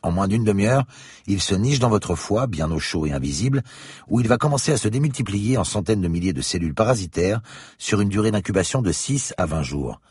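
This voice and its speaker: A man voicing a grave, pedantic male parasitology professor in an audiobook reading, lecturing in a precise, husky voice. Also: fairly low pitch, lively intonation, brisk, a little mellow, dry recording, clean studio sound, voice pushed up.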